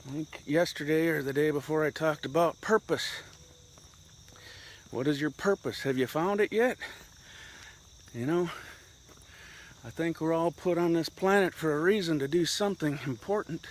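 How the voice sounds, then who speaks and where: A man's voice: fairly high pitch, normal speed, long pauses, slight background noise. A middle-aged man in a casual, rambling walk-and-talk monologue, slightly winded as he walks outdoors. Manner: rambling, reflective, talking while walking. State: slightly winded from walking uphill. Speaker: vlogger.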